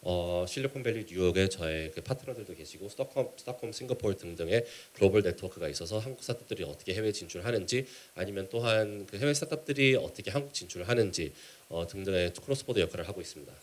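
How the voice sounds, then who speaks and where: A man with a low-pitched voice and a Korean-American accent speaks as a keynote presenter. He moves through his points in a measured, halting way, dropping English business terms into his sentences. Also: animated. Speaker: keynote speaker, startup mentor. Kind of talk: conference presentation.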